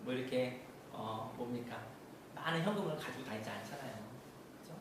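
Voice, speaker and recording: A man's voice: mid-range voice, fairly quick. A male pastor preaching earnestly, asking rhetorical questions and acting out short quotes. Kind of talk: sermon. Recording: echoey room, voice from a distance, faint hiss.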